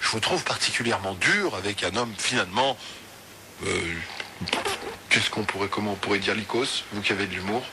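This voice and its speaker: A man's voice: fairly low pitch, fairly quick. A man hosting a late-night call-in radio show, joking and loose with the callers. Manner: lively, joking, apologetic asides. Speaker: radio host. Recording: radio broadcast with light noise.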